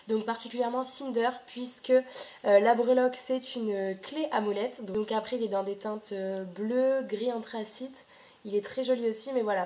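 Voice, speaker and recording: Her voice sits a little high with a somewhat dark tone as this young book vlogger talks to her camera from home. It's a relaxed video chat, full of pauses and fillers.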